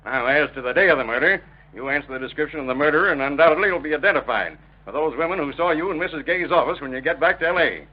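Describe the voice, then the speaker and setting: Blunt police officer male actor, rapid-fire and accusatory, old radio crime drama, dull vintage sound. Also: a little high, close to an everyday voice. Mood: accusing. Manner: brusque, clipped, accusatory. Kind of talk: 1930s-1940s radio crime drama acting.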